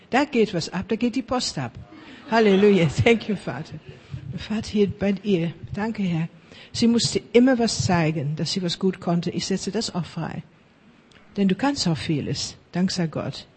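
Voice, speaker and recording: A preacher leading charismatic prayer ministry, fervently repeating blessings, dropping into whispers at times and mixing in English phrases. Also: male voice, high voice, measured pace, slight background noise. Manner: fervent, repetitive chanting of blessings; mixes English phrases into German.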